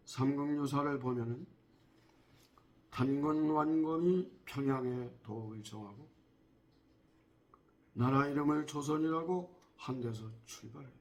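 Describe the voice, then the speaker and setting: A man giving a spoken history lecture in a measured way, often pausing on drawn-out fillers and asking the listeners rhetorical questions. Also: medium pitch, a little mellow, lo-fi sound.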